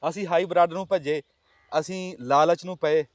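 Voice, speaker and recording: A man's voice: a little high, fairly even intonation, normal speed. A man with a rural Pakistani Punjabi accent hosting a vlog, chatting casually with farmers and explaining things with repeated points for emphasis. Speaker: vlog host. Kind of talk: casual outdoor interview chat with farmers. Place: outdoors in a farm field.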